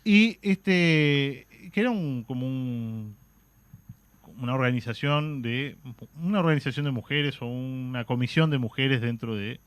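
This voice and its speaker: A man's voice: medium pitch, a little slow, clean tone. A man with a Uruguayan Spanish accent talking on a radio show. He explains things patiently, often stopping with "este" and "eh" before going on. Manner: explanatory, fillers like "este" and "eh", frequent restarts. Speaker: radio guest explaining history. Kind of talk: radio talk show chat. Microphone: studio microphone.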